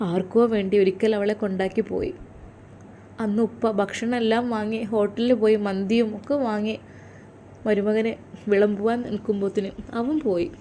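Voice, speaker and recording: A woman's voice: mid-range voice, level tone, normal speed, mellow, slight background noise, natural voice. A woman with a Malappuram accent voicing a worried, tearful older mother who speaks in a confiding way. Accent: Malappuram Malayalam. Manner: anxious, confiding. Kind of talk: storytelling role-play.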